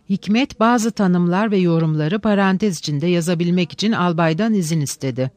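A measured, wry literary narration at a middle pitch. The recording is dry and close, with no room sound. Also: dry recording.

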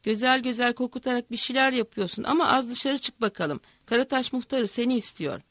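Male village watchman voiced by a woman, coaxing, matter-of-fact, fairly high voice. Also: brisk, fairly bright tone, no room sound.

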